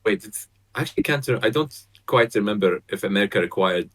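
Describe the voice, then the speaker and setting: A man's voice: fairly low pitch, fast. A young man in his twenties who grew up in Saudi Arabia, a podcast guest on a video call, talking casually with lots of fillers and restarts. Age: 20s. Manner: relaxed, hesitant, many fillers and restarts. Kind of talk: casual chat. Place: bright apartment room, indoors. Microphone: headset on a video call.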